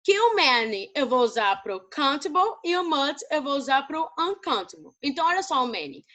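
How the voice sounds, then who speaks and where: A Brazilian woman teaching an English lesson to students, explaining slowly and often checking whether they understand. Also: high-pitched, big pitch swings, pushed and bright. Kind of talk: recorded class lesson.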